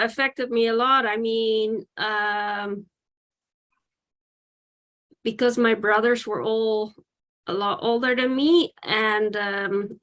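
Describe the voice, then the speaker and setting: Dutch-born woman in her forties, slightly high. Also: fairly bright tone. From Netherlands. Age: 40s. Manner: candid, reflective, with many "um"s. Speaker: podcast guest. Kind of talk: interview.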